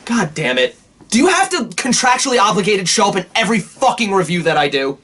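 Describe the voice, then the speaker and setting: A man's voice: sits high, very animated, fast talker, sharp tone, slight background noise. A man co-hosting a film review podcast, talking casually and animatedly, swearing often.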